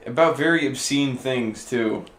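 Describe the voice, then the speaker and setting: A man cracking wry jokes through a casual podcast chat. His pitch sits in the middle range. The sound rings with a roomy echo around him. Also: measured pace, a bit bright, a little hiss or hum. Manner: joking, wry quips. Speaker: podcast co-host.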